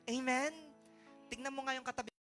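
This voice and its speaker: A man with a Filipino accent delivers a sermon in a church sanctuary, sharing his testimony and urging the congregation on. His voice is bright and forward, swinging from hushed storytelling to loud exhortation. Faint music plays behind him. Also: extremely high pitch, little pitch movement, a little fast. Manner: switches between soft storytelling and loud exhortation, calls for amens. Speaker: pastor.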